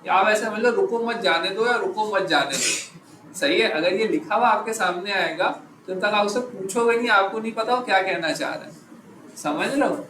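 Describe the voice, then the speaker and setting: A man teaching a live class, quizzing his students and stopping often to check that they follow, slowing right down on the key phrases. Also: high voice. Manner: slows down to stress key phrases. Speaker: instructor. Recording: echoey room, background noise.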